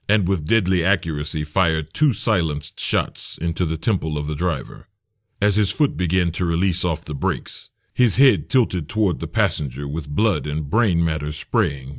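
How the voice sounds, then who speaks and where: A man narrating an audiobook in a steady, even reading. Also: low voice, no echo, studio quality.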